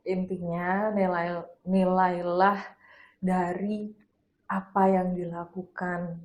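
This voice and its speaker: A woman's voice: lowish voice, flat delivery, takes it slowly, dull audio. A woman co-hosting a casual chat, talking freely about herself, humming agreement and laughing as she speaks. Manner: chatty, frequent hums of agreement, laughs as she talks.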